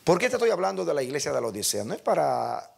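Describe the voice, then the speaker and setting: A man's voice: a little high, sing-song, quick pace, gravelly, darkish tone, slightly rough. An older male pastor preaching a sermon, emphatic and speaking directly to his congregation.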